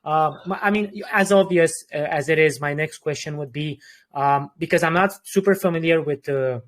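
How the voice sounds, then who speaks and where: A man's voice: on the high side, moderate pace. Chatty man hosting an interview. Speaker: AMA host. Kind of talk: casual interview chat.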